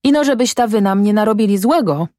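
A woman's voice: medium pitch, expressive, fast talker, warm tone, no echo, studio quality, pitched above the performer's own voice, close to an everyday voice. A woman voicing a wary, suspicious middle-aged peasant wife in a storybook. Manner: wary, half-voiced remarks.

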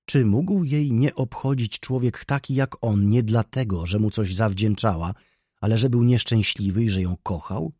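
A man narrating a classic novel as an audiobook in an expressive storytelling manner. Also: fairly low pitch, moderate pace, breathy edge, dry recording, clean studio sound. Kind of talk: scripted literary narration.

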